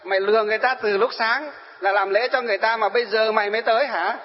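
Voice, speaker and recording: A man voicing a drunk, furious young man who shouts accusations in a story he tells. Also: sits high, fairly even intonation, quick pace, long reverb tail, lo-fi sound, lightly acted.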